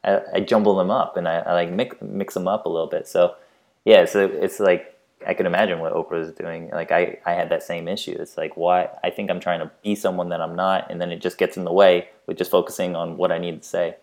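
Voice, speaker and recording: A man's voice: low voice, little pitch movement, a little fast, a little mellow. A man co-hosting a podcast in casual chat, thoughtful and hesitant with fillers. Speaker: podcast co-host.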